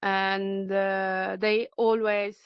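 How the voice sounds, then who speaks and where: Halting middle-aged woman, slow. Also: medium pitch, level tone, clean tone, dry recording. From Italy. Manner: halting, searching for words, many fillers. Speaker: speaker sharing personal experience. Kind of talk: personal testimony at a talk. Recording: dull lo-fi recording.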